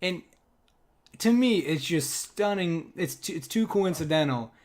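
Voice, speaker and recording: A young man co-hosting a podcast, chatting about politics in an excitable way and laughing often. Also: a little high, a little slow. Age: young adult. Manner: excitable, laughs often, leans on 'go ahead and'. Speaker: podcast co-host. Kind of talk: casual political chat.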